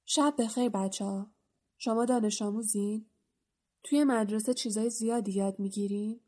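A woman voicing a sad, solemn male centaur who speaks quietly, slowly and cryptically, sighing, in an audiobook. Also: a little high, close to an everyday voice. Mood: sorrowful. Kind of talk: audiobook character voice.

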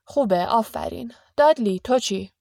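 A woman voicing a bossy, blustering middle-aged family man in an audiobook reading, giving orders loudly. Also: fairly high pitch, gravelly, no room sound, studio quality. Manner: commanding, bossy.

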